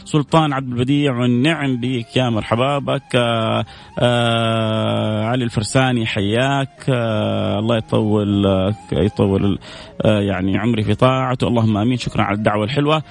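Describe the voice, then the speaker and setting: Fast gravelly man on radio. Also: mid-range voice, fairly even intonation. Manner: warm, devout, reads out messages and answers them with prayers. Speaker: radio show host. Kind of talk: call-in radio show reading listener messages. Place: radio studio. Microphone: studio microphone.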